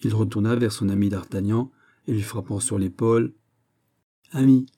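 Deep, dark-voiced male audiobook narrator. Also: flat delivery, a little fast.

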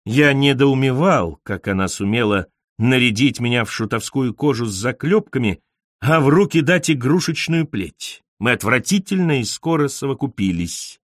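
A man's voice: medium pitch, animated, moderate pace, no echo, studio quality. A man narrating a literary story in a wry, ironic storytelling manner.

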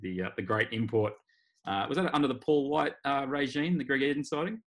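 A man's voice: mid-range voice, fairly quick, a bit bright. An Australian man hosting a casual sports podcast, talking in a wry, rambling way. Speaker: podcast host. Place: remote video call.

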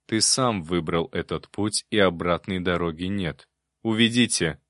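A man's voice: deep voice, fairly bright tone, no room sound, clean studio sound. A man doing a stern, commanding monastery abbot. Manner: stern, measured.

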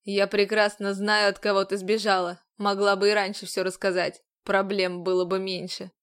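A stern, domineering commander in an audiobook, scolding and harsh in every word, as a woman narrator voices him. His voice sits lower and rougher than the reader's own, with loud, forceful delivery. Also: little pitch movement, normal speed, natural voice. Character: stern scornful male commander, adult, domineering.

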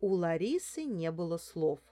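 A woman narrating a first-person story as an audiobook, in an expressive storytelling manner. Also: fairly low pitch, a little slow.

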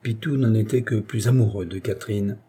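Male audiobook narrator, mellow and slightly raspy, measured literary reading. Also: lowish voice. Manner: steady, expressive literary reading. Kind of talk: reading a classic novel aloud.

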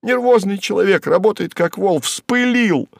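A man's voice: normal speed, creaky, dry recording, clean studio sound. A man voicing a young, pretty female secretary who is hysterical and weeping, her voice a little nasal from crying. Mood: agitated. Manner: shrill, frantic exclamations. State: sobbing.

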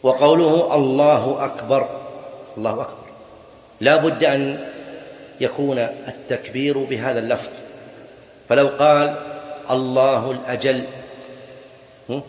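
Man lecturing in an echoey hall. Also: mid-range voice. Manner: explains point by point, repeats key phrases, asks rhetorical questions. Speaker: Islamic jurisprudence teacher. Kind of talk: classroom lecture on a fiqh text. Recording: echoey hall with long reverb.

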